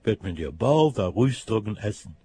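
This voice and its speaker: A matter-of-fact cow talks slowly with a lilt and stretches out her moos. A man acts her out in a storybook tale. Husky and dry. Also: lowish voice, sing-song, dark tone, no room sound, full character voice. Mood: lowing. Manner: drawn-out mooing.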